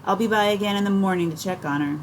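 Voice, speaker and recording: A woman's voice: mid-range voice, fast talker, a little hiss or hum, natural voice, rough recording. A woman voicing a grown male doctor who gives matter-of-fact instructions. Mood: calm. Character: calm adult male country doctor.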